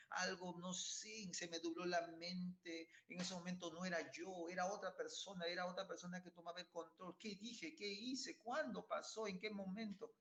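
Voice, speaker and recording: A man's voice: high voice, fairly bright tone, voice pushed up. A man voicing a remorseful husband making excuses and pleading for forgiveness.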